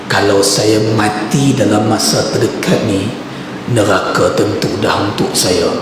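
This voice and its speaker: A man's voice: on the low side, steady tone, unhurried, music in the background, voice pushed down, close to an everyday voice. A male preacher voicing a tearful man in his sixties who pleads in despair and repeats himself. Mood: remorseful. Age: 60s. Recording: echoey mosque hall with background noise.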